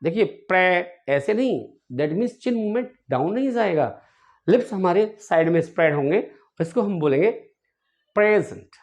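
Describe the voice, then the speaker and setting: A man's voice: high-pitched, expressive, darkish tone. Man teaching a grammar lesson. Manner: repeats words slowly for pronunciation drill; addresses viewers fondly as a teacher. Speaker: English teacher.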